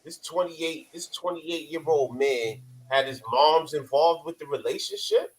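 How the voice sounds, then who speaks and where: Casual man co-host, higher voice. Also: sing-song, a little slow, rough recording. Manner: casual, repeats his questions, slangy. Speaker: podcast co-host. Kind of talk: casual interview questions.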